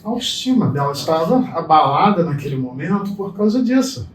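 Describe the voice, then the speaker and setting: In a storytelling conversation, the middle-aged guest animatedly performs the dialogue himself, talking a little fast in a fairly high voice. The echoey room, distant mic and faint noise color the sound.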